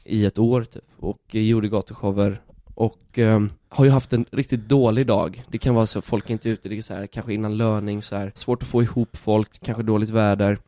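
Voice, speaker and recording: A man telling stories in a casual podcast chat, animated, swearing casually and acting out the quotes. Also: lowish voice, few pauses, no echo, clean studio sound.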